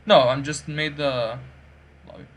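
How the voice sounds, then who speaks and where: A man's voice: on the high side, fairly even intonation, unhurried, a bit bright. A man hosting an online gaming event, chatting casually and giving players instructions. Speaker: community game event host. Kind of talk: casual game event chat and organizing. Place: online voice chat during a game.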